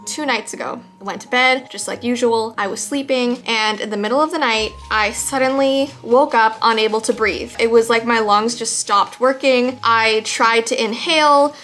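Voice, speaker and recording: A woman vlogger telling personal stories in a casual, chatty way, animated and acting out bits of dialogue. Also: a little high, moderate pace, few pauses. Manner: animated, acts out quoted dialogue. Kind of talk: casual chatty storytelling to camera.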